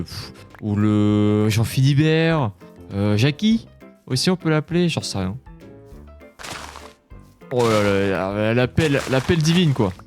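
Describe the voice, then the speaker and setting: A man's voice: fairly low pitch, darkish tone. A young man giving casual Let's Play commentary, chatty and jumpy, breaking into scared yelps. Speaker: gaming YouTuber. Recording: faint game music behind.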